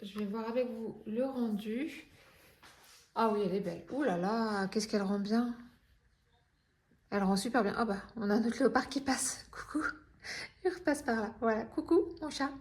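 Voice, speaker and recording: Chatty woman reviewing her craft work. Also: mid-range voice. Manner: relaxed, chatty, many hesitations and self-corrections. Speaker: vlogger reviewing her finished diamond painting. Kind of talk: casual chatty review vlog.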